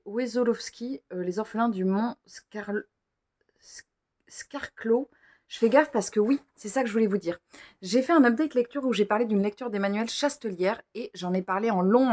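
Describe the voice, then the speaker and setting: A woman talks casually as she unboxes gifts for her book vlog. She chats freely, stumbles over author names and pokes fun at her own slips. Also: mid-range voice. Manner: chatty, stumbles over names, self-mocking. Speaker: book vlogger.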